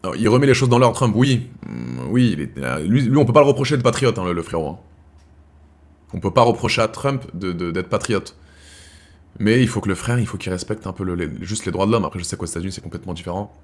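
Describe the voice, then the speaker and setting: Host, male, lowish voice; casual slangy live chat to viewers, loose and rambling. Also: lively intonation, fast. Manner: slangy, calls viewers "brothers", rambling restarts.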